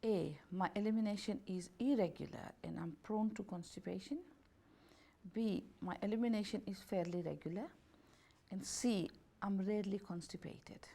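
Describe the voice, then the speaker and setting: A holistic health and beauty therapist, she reads out a self-assessment questionnaire, working through each option as A, B and C without hurrying. Her mid-range voice is gravelly and warm, and her grammar is slightly non-native.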